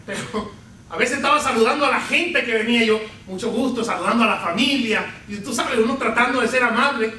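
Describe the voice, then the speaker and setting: A middle-aged Venezuelan pastor preaches with a strikingly high, bright voice. He tells funny stories with lively energy. He is heard from a distance in a very echoey church hall. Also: fairly quick, a little hiss or hum. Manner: animated preaching with humorous anecdotes. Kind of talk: sermon. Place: church sanctuary.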